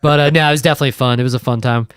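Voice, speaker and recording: A man's voice: medium pitch, fairly even intonation, very fast, a bit bright, smooth, no echo, studio quality. An American man in casual podcast chat, talking in a loose, rambling, slangy way. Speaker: podcast co-host and stand-up comedian.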